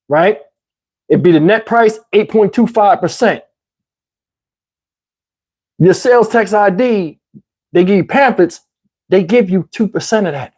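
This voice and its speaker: A high-voiced YouTube commentary host with a Southern US accent rambles through a casual livestream to viewers. He talks conversationally, often asking "you know what I'm saying," though his voice is getting tired and his throat parched.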